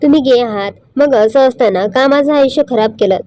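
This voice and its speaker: A woman voices a young bride in a told story, pained and questioning. The tone is mellow and slightly high. The recording is close and dry. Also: a little fast, no echo, close to an everyday voice. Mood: upset. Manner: indignant, pained. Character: young bride, hurt and upset.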